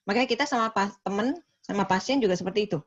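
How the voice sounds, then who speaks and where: A woman lecturing nursing students in a classroom, explaining calmly and acting out short nurse-patient dialogues. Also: medium pitch, rapid-fire, highs cut off.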